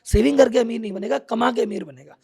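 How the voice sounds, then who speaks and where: A middle-aged man, a business coach, explaining business lessons with animated examples and acted-out quotes. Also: extremely high pitch, quick pace, vocal fry, slightly rough. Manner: animated, acts out quoted thoughts. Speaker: business coach, podcast guest.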